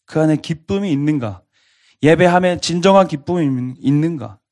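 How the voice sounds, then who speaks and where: A man's voice: a little high, moderate pace, darkish tone. A man pastor preaching a sermon to a college congregation, earnestly asking them repeated questions.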